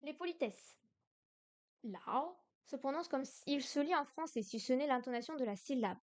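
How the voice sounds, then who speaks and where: A young French woman learning Chinese streams a casual study session, repeating syllables aloud and exaggerating the tones. Her voice is high and expressive, at a moderate pace.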